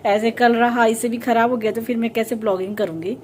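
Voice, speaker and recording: A woman from India with a hoarse, sore throat, chatting casually in a home vlog and explaining things step by step as she cooks. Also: a little high, steady tone, fairly quick, a little mellow, a little hiss or hum. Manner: chatty, homely, explains step by step with many fillers. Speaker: vlogger and mother. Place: home, kitchen.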